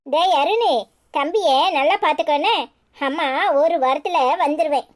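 Woman voicing a cartoon mother: Tirunelveli accent, high, grumbling, headstrong. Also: normal speed, close to an everyday voice. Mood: fond. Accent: Tirunelveli Tamil. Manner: sulky, complaining.

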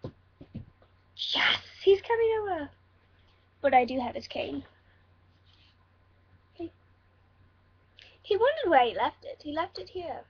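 A woman's voice: high-pitched, very animated, slow pace, long pauses, dull audio, full character voice. A woman voicing a bratty teenage boy demon noble in a put-on British accent, whiny and playful. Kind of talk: cosplay role-play vlog.

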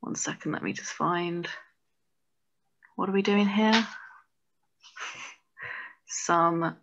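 A woman's voice: fairly low pitch, slow, vocal fry, dull audio, slight background noise. A woman presenting a chapter to a book club over a video call, thinking aloud and making self-deprecating asides as she works through code. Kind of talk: casual live-coding walkthrough.

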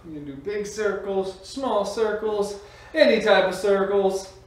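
This high-pitched man talks at a measured pace as he coaches an aerobics session, mixing motivational pushes with brief shouted cues mid-exercise. He works as a fitness instructor, recording indoors in a small home gym with bare walls. Expect an echoey sound, a distant microphone and a little background noise.

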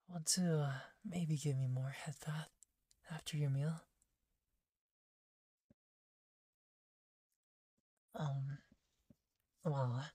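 A shy, easily flustered catgirl maid, played by a woman, speaks in a timid, hushed ASMR role-play voice. The pitch sits low and the words come very slowly, with hesitant stops. The sound is close and dry. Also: gravelly, breathy edge, no echo, exaggerated voice. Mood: bashful. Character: shy, flustered catgirl maid waitress craving head pats. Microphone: close, dry microphone.

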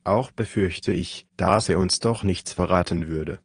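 A man reading a calm, decisive adventurer leader. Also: low-pitched, husky, dry recording, clean studio sound, full character voice. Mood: firm. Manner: firm, measured, commanding. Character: calm, decisive male adventurer leading the search. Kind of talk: audiobook reading.

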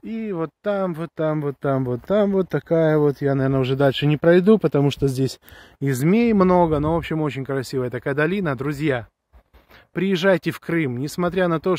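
A man with a slightly high voice and no room sound chats to viewers in a rambling, slangy, enthusiastic way while reviewing a walkie-talkie. He's vlogging outdoors on a handheld phone, standing on a grassy hillside with pines.

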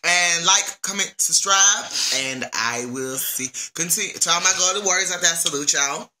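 A woman's voice: on the low side, moderate pace, sharp tone. A woman hosting a casual vlog, chatting straight to her viewers and stumbling over her words while her mouth burns from spicy noodles. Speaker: vlog host.

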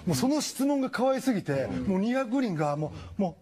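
Animated Kansai man telling comic stories. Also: high-pitched, brisk, heavy background noise. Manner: animated storyteller, acts out characters. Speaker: comedian. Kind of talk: comic storytelling on a talk show. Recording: studio audience in background.

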